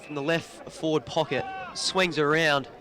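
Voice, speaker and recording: A man's voice: on the high side, measured pace. Australian man calling local footy. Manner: relaxed, chatty play-by-play. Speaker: sports commentator. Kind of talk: local football commentary. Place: commentary box above an outdoor oval. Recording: crowd noise behind the voice.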